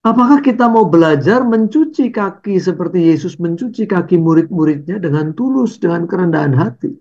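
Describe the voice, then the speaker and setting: A man's voice: high voice, animated, a little fast, darkish tone, husky, highs cut off. A man preaching a conversational sermon over slides, tagging his phrases with "ya" and "gitu".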